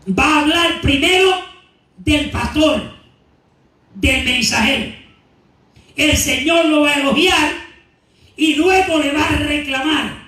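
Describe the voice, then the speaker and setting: A man preaching a Bible teaching to his congregation, asking them questions and answering them himself, and reading scripture slowly and deliberately. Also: extremely high pitch, bright, forceful tone. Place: church sanctuary. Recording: echoey church hall, mic at a distance.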